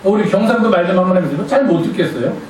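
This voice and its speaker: High, lively pastor in echoey hall. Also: male voice, rapid-fire, far from the mic, slight background noise. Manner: playful, quizzes the congregation. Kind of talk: conversational sermon. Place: church sanctuary. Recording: echoey church hall from afar.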